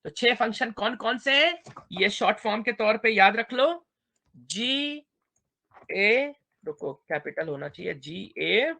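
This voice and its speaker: A male lecturer teaching a class in two languages with a bright, clear voice. His delivery is playful and animated, full of quick check-ins with the students. His pitch rises and falls freely. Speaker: university English lecturer.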